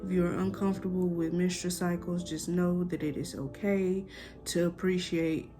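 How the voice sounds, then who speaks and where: A woman's voice: lowish voice, fairly even intonation, moderate pace. A young woman chatting informally in a casual vlog, talking straight to her viewers as the host. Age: young adult. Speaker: vlogger. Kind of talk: casual vlog chat to camera.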